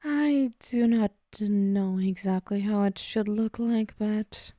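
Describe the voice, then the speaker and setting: This woman speaks slowly and in a hush to the listener, acting lightly as a possessive, teasing female demon in an ASMR roleplay, menacing yet indulgent. Her mid-range delivery feels possessive and reassuring, captured as clean studio sound with no room sound.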